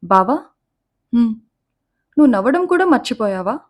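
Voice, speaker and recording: A woman's voice: on the high side, very animated, normal speed. A woman voicing a playful, teasing girl who grows into a young woman, in a storybook reading. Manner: teasing, chirpy.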